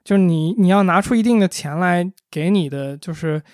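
A man's voice: sits high, a little fast, dry recording, clean studio sound. A man co-hosting a casual conversation, reasoning through points analytically with examples. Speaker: podcast co-host.

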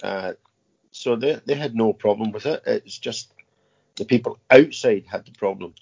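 A man in his fifties speaks in a fairly low voice, pausing often and repeating words as he answers questions. The audio is muffled and lo-fi, as on a remote interview recording. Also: creaky, a little mellow, husky. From Scotland. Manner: halting, repeats words, many "uh" fillers. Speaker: guest, army veteran. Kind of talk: casual interview.

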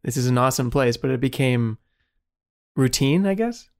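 A man co-hosting a casual conversation, chatty and quick to laugh. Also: mid-range voice, expressive, darkish tone. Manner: chatty, reminiscing, laughs easily.

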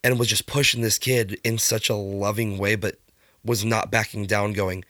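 Halting low-voiced man telling a story. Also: fairly even intonation, pushed and bright, no echo, studio quality. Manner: halting, hesitant, many fillers while telling a story. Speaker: podcast co-host. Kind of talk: casual chat, storytelling.

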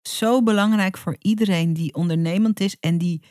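A woman's voice: medium pitch, normal speed, darkish tone, dry recording, clean studio sound. A woman hosting a podcast interview, encouraging and talking in long winding sentences full of fillers. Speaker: podcast host.

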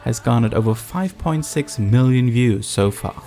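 A man's voice: mid-range voice, animated, moderate pace, loud music behind the voice. A man presenting scripted documentary narration, explaining things and addressing the listener directly. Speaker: host, narrator.

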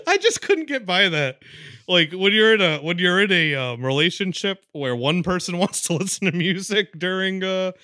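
A man co-hosting a podcast, laughing often as he excitedly retells movie scenes in casual chat. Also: sits high, moderate pace, no room sound, studio quality. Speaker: podcast co-host.

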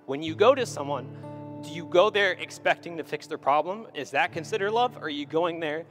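A man's voice: on the high side, moderate pace, fairly bright tone, faint music behind. A man giving a sermon as a pastor, retelling a Bible story in a conversational way and often checking in with "right?".

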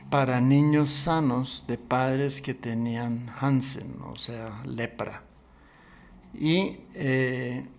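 A Colombian pastor in his sixties or older tells his story as an interview guest. His medium-pitched, creaky voice moves in a measured, deliberate way with frequent pauses.

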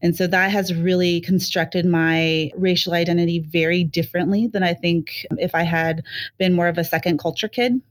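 Reflective woman with a low voice. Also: fairly even intonation, moderate pace. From born in Korea, raised in the United States and Saudi Arabia. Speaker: podcast co-host. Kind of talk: casual conversation.

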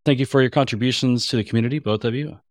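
A man hosting a podcast in casual chat, joking with a playfully deadpan delivery. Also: mid-range voice, very fast, no room sound, studio quality. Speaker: podcast host.

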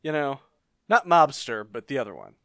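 A man's voice: medium pitch, normal speed, dry recording, clean studio sound. A man co-hosting a podcast in casual, joking chat, narrating events and slipping into voices. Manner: joking, animated, does voices.

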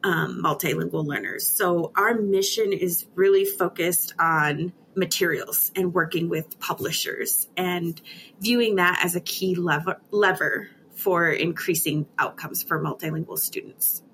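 A middle-aged woman, a guest who leads an education nonprofit, explaining her work in a clear, organized way. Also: lowish voice, unhurried, a bit bright, slight background noise. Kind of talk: interview answers.

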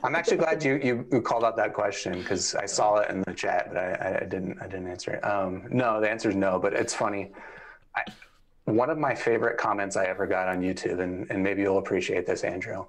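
A man appearing as a guest on a live stream, relaxed and chatty, often stammering and repeating words. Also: fairly low pitch, a little fast. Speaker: guest reviewer. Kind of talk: casual live-stream chat.

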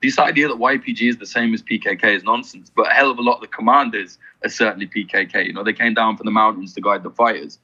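A man's voice: fairly low pitch, fairly even intonation, sharp tone, breathy edge, muffled recording. A man talking as a podcast guest, blunt and swearing freely in casual interview chat. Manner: blunt, swears freely, fast run-on explaining.

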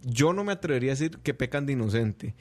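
A man's voice: medium pitch, expressive, quick pace, faint music behind. A man with a Costa Rican accent, hosting a casual panel podcast and talking bluntly and emphatically. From Costa Rica. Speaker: podcast host.

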